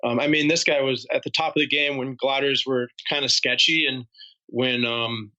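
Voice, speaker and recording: A man's voice: medium pitch, steady tone, moderate pace, pushed and bright, lo-fi sound. A man guest on a podcast, telling stories casually, laughing easily and swearing now and then. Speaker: podcast guest, paragliding instructor.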